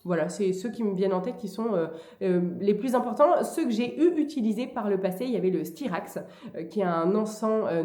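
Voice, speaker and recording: A woman talking casually and hesitantly in a vlog, with frequent pauses as she gives advice. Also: medium pitch, darkish tone. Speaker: vlogger. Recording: echoey room.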